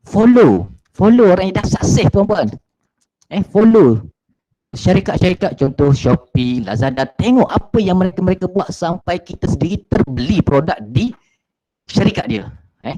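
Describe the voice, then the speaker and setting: A man's voice: mid-range voice, mellow, muffled recording. A man teaches an online business class as a marketing trainer. He repeats his points, keeps addressing his listeners politely, and fills gaps with short "ha" and "eh" sounds. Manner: frequent filler sounds "ha" and "eh".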